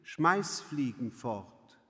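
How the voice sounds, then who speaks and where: Harsh maid, man reading, slow and clipped, big hall echo. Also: mid-range voice, sing-song, pushed and bright, exaggerated voice. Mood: contemptuous. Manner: curt, hard. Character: harsh, contemptuous serving maid, woman. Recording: long hall reverb.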